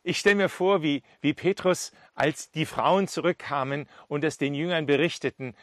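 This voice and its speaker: A man's voice: a little high, normal speed, no echo, clean studio sound. A male preacher giving a sermon, retelling Bible scenes with emphatic storytelling.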